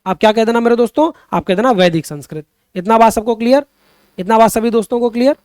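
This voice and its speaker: A young man with a strikingly high voice runs an online Hindi grammar class. He keeps coaxing his students for answers, repeating each question and calling them friends. The sound is close and dry, with almost no room around it. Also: quick pace, darkish tone, smooth, no room sound. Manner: digresses into impassioned social commentary. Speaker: Hindi teacher. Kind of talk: online exam-prep class.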